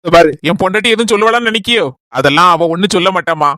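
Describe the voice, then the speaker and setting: A woman with a Kanyakumari Tamil accent performing in a village family comedy skit, talking in a brisk, coaxing manner. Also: medium pitch, a bit bright, no echo, studio quality.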